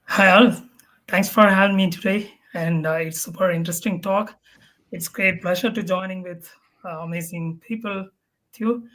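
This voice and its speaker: A man's voice: high-pitched, fairly bright tone. A man speaking as a guest on an online design panel, formal with slightly awkward phrasing. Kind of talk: panel discussion.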